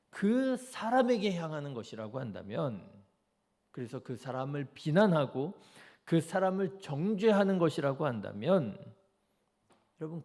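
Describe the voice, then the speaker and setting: A man delivers a dawn service sermon as pastor in a church, his voice mellow and somewhat high. He keeps asking the congregation rhetorical questions. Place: church sanctuary.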